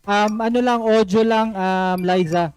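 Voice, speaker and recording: A man hosts and judges an online singing contest live, taking phone calls and offering friendly coaching feedback, often checking "okay?" and mixing English phrases into his speech. His voice is high, clear and resonant, with a steady tone, a darkish color and a measured pace. Faint music plays behind him.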